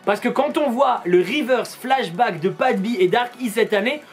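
A man's voice: very high voice, animated, moderate pace. A Belgian man with a Belgian French accent, chatting casually and enthusiastically about music tracks in a joking vlog style. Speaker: DJ and music video host.

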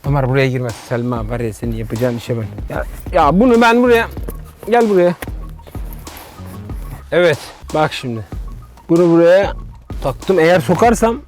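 A man vlogging in a joking, animated way, talking to his viewers. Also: on the high side, moderate pace, long pauses, faint music behind. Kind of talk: comedic vlog.

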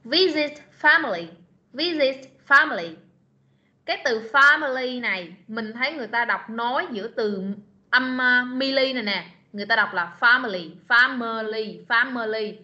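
A woman teaches over a video call, patiently saying each word several times so the children can copy her. Her voice is bright and fairly high. The sound is dull and lo-fi, as in a meeting recording. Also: animated. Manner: patient, models pronunciation by repeating words slowly. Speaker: English teacher. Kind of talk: online class instruction.

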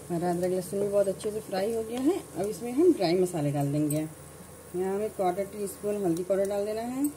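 A woman narrating a home cooking tutorial, calmly explaining each step in order. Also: mid-range voice, brisk, background noise. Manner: calm step-by-step instructions. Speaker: cooking channel host.

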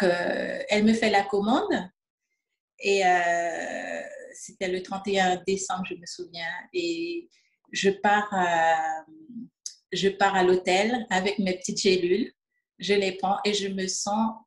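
A woman's voice: medium pitch, roomy sound. A woman in her fifties from French Guiana, telling her story in an interview with many hesitations. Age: 50s. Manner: hesitant, many fillers, acts out quoted dialogue. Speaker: interviewee, distributor. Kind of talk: testimonial interview.

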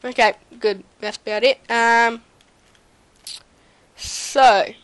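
A young woman gives a casual gameplay tour of the server she owns, her voice on the high side with fairly even intonation and a clear, resonant tone. She rambles slowly and hesitantly with many ums and pauses, slowed by a slight cold, runny nose, and cough. She's at a computer in a room at home with no room sound, and her desk mic near the keyboard catches the typing.

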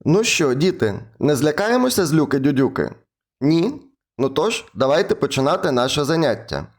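A man's voice: a little high, sing-song, moderate pace. A man teaching English words to preschool children, speaking patiently and drawing out words in repetition drills. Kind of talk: children's lesson narration.

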